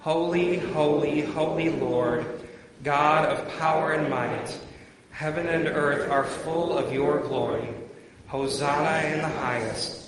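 A man speaking as a pastor leading worship, with solemn, measured phrasing in short clauses, in a sermon and liturgical style. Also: on the high side, a crowd in the background, low-quality recording. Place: church worship service.

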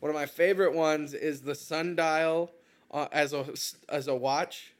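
A man's voice: a little high, steady tone, measured pace. A man co-hosting a podcast in a casual, joking, self-mocking chat. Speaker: podcast co-host.

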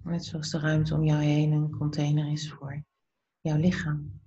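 In a completely flat, deep voice, a woman guides a slow meditation, speaking softly and soothingly without hurry. Her short phrases are separated by pauses and grow breathy at the end, over lo-fi sound.

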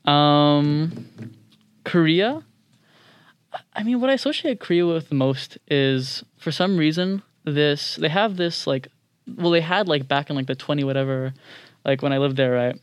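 A man's voice: a little high, unhurried, clear, resonant tone. A young man with a standard American accent, chatting informally as an interview guest and poking a little fun at himself. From several countries across Latin America, Asia, Europe and the US. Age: young adult. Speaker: podcast guest, international student. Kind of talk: casual interview chat.

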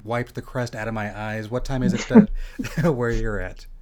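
In a Las Vegas home studio, a podcast host with a mid-range voice chats casually with a guest at normal speed while a crowd can be heard behind him. After a loud, theatrical intro he settles into a relaxed, rambling style, often breaking off to restart his sentences.

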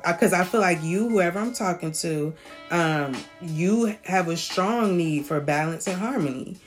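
A woman's voice: fairly low pitch, a little slow, faint music behind. A woman giving a casual spoken reading, chatty and loose, often checking in with "okay?" and laughing lightly. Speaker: tarot reader.

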